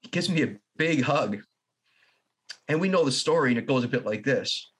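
A man who is a guest in an interview, telling a long personal story in an earnest, halting way with restarts and soft laughs. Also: medium pitch, lively intonation, husky. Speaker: podcast guest.

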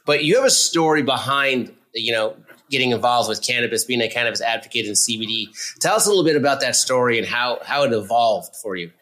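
A man's voice: medium pitch, expressive, brisk, pushed and bright. Upbeat man hosting an interview. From Canada. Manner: friendly, loose, many fillers and restarts. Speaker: podcast host. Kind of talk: casual interview chat.

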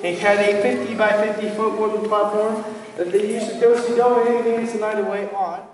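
A man's voice: little pitch movement, fairly quick, a little hiss or hum. A man working as a cave tour guide, speaking up to a group as his voice echoes inside a large cave. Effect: cave echo. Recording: booming cave echo, long reverb, group around.

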